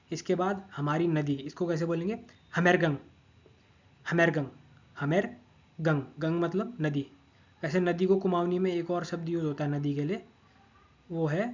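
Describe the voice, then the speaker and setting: A patient male language teacher, walking through grammar step by step. He repeats each word over and over and keeps checking in with the listener. His voice sits a bit high, and the recording sounds slightly dull. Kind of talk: explaining grammar over a screen of notes.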